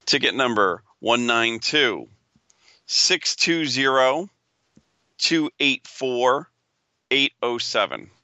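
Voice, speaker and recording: A man calling out ticket numbers like a raffle caller, slowly and deliberately, in short groups of digits. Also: mid-range voice, expressive, sharp tone, no echo, lo-fi sound. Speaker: podcast co-host.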